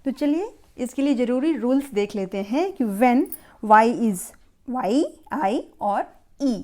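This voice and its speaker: Slow, patient woman teaching phonics. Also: sits high, expressive, a little mellow. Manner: slow, patient, repeating words for learners. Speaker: phonics teacher and channel host. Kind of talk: explaining pronunciation rules to children's parents.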